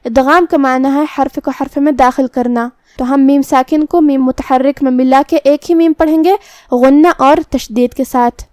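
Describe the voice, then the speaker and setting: A woman's voice: high voice, fairly even intonation, darkish tone, dry recording. A woman teaching a recitation lesson, explaining pronunciation rules step by step in a patient, instructional way. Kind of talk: tajweed lesson with slow chanted recitation.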